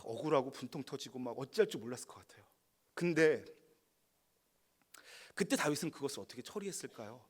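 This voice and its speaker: A man preaching a midweek sermon as pastor, swinging from quiet asides to loud, emphatic outbursts and reading scripture slowly and deliberately. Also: mid-range voice.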